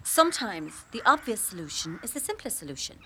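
An actress playing a cheeky, teasing young adult Irish daughter on a farm in a radio comedy. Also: female voice, medium pitch, sing-song, brisk, fairly bright tone, slight background noise.

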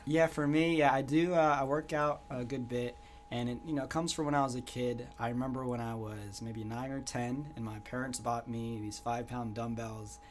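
A young American man answering interview questions in an earnest, reflective way, often pausing with "you know". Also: medium pitch, steady tone, a little hiss or hum. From United States. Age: young adult. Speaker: guest entrepreneur.

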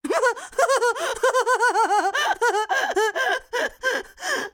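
A woman voicing a seven-year-old boy police captain who is bossy, goofy and excitable. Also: sits high, moderate pace, heavily acted.

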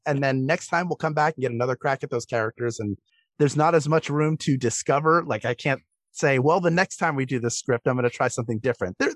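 In a medium-pitched voice with no room sound, a comedic stage and voice performer appears as a podcast guest. He offers thoughtful, explanatory answers in a conversational interview.

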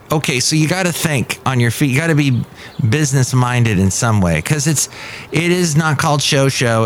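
A middle-aged podcast host talks from a café at a medium pitch, with slight background noise. His monologue is rambling and chatty, constantly interrupting itself and wandering off topic.

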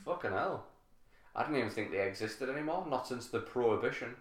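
A man's voice: mid-range voice, animated, fairly quick. A man with a north-east English accent, chatting casually and telling stories in a sweary, jokey way. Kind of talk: casual chat. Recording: echoey room.

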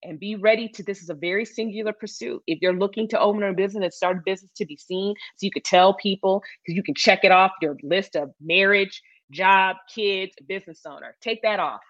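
This Michigan woman, a middle-aged salon founder, talks briskly with hardly any pauses as she hands out advice in an interview, hammering home key phrases by repeating them. The recording is dry and muffled, and her pitch sits at medium.

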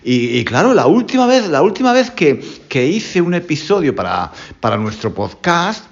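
A man's voice: fairly high pitch, very animated, normal speed, muffled recording. A man from Spain with a Spain Spanish accent, a Spanish teacher hosting a casual podcast lesson at home, chatty and repeating his phrases. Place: home room with windows.

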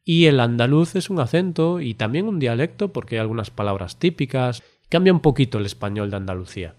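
A man hosts a relaxed podcast conversation. He talks in an explanatory way and keeps checking in with his co-host through little tag questions. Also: medium pitch, fairly quick. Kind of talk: casual podcast chat.

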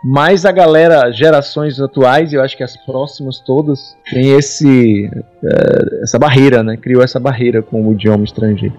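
Male co-host, easygoing musing tone, mid-pitched voice. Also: moderate pace, faint music behind. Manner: relaxed, reflective, chimes in with short agreements. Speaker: podcast co-host. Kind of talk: casual chat.

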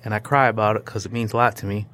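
A man's voice: lowish voice, rapid-fire. A man as an interview guest, telling stories in a loose, joking way, full of restarts and playful sound effects. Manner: animated, joking, rambling with restarts. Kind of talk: casual storytelling conversation.

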